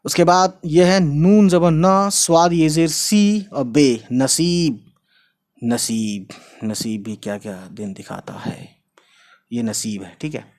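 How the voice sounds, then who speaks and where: A man teaching a casual online language lesson, drawing out words slowly and often checking in with his listeners. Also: on the high side, a little mellow. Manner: repeats words slowly, drawn out for pronunciation; chatty, checks in with "right?" and "guys". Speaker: Urdu teacher.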